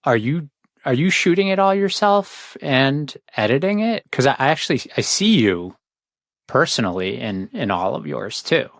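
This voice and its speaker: A man's voice: medium pitch, big pitch swings, moderate pace, creaky, fairly bright tone, no room sound, studio quality. A man hosting a podcast interview, asking friendly, encouraging questions in casual chat. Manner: friendly, encouraging, loose phrasing. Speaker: podcast host.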